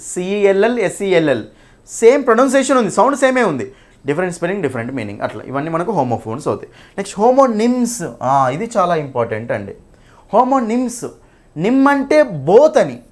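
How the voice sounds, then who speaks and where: Fast-talking teacher man. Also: sits high. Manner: repeats points, checks in with "okay?"; mixes English terms into Telugu. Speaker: English teacher. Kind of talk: exam-prep grammar lesson.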